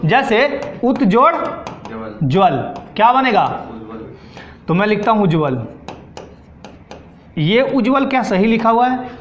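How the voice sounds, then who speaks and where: A man's voice: sits high, very animated, measured pace, pauses often, a little hiss or hum. A man teaching a classroom lesson, drilling students with repeated questions and answering them himself. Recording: echoey room, dull sound.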